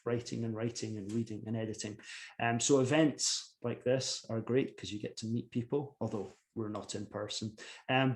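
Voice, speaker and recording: Scottish man, 40s, laid-back, self-mocking author speaking over a video call. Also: mid-range voice. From Scotland. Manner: relaxed, self-deprecating, chatty. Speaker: author giving a lecture. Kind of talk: casual talk. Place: home office.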